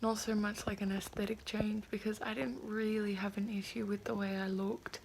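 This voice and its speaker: 20s girl vlogging w a sore puffy jaw, lots of vocal fry, kinda hesitant and rambly, bit of bg noise. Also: mid-range voice, level tone, normal speed. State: recovering from jaw surgery, sore puffy mouth with slightly impeded speech. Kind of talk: casual reflective video diary.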